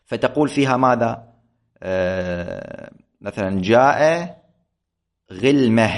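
A man, a religious teacher giving a grammar lecture, who explains patiently, repeats points and keeps checking that his students follow. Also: medium pitch. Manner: patient, repetitive, checks understanding with questions. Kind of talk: classroom lecture.

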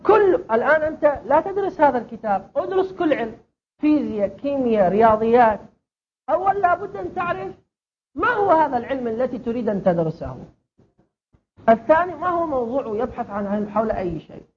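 A woman's voice: very animated, quick pace. A woman teaching a class, asking questions and answering them herself as she explains. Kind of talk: classroom lesson on Arabic grammar and rhetoric. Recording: dull lo-fi recording with faint rumble.

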